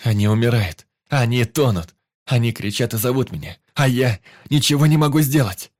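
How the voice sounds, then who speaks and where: A man's voice: fairly low pitch, slow. A man voicing a despairing, guilt-ridden young male hero who cries out in anguish. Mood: anguished shouting. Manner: anguished shouting.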